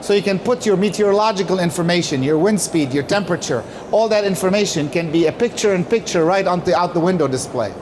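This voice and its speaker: Animated and fast, this company speaker barely pauses as he gives his prepared conference presentation. His voice is high, and he explains with emphasis, asking questions and then answering them. A noisy background is audible.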